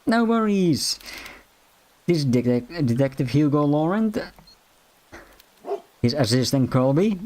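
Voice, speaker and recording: A man's voice: a little high, big pitch swings, a little slow, long pauses, darkish tone, slight background noise. A man voicing a friendly, protective young male assistant in a mystery game, fussing over his partner. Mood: concerned.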